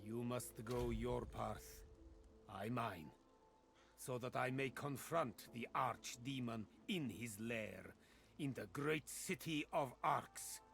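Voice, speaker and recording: A man voicing a grave, courteous demon hunter in a video game, speaking formally and theatrically with a gravelly voice. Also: medium pitch, a bit bright, faint music behind. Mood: solemn, grateful. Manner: formal, measured, dramatic.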